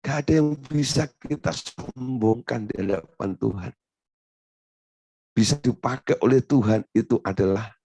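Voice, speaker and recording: A male pastor preaching a sermon, quizzing the congregation with rhetorical questions and jumping into high emphatic bursts. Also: gravelly, a little mellow, no room sound.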